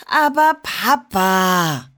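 A woman voicing an excited little girl who squeals with delight in a storybook reading. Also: a little high, unhurried, voice pushed up. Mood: protesting.

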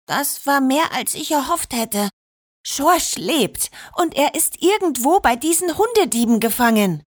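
Rich: A woman playing an eager young elf girl in a Christmas storybook, her voice pitched high and pushing with urgency. Lively and keen. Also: measured pace, dry recording, studio quality. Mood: urgent. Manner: urgent, excited. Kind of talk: storybook reading.

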